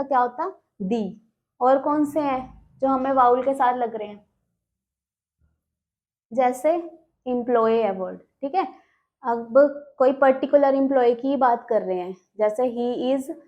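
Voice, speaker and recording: A woman's voice: a little high, darkish tone. A woman teaching a grammar lesson, explaining step by step and sounding out words, often checking with a question. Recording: dull lo-fi sound.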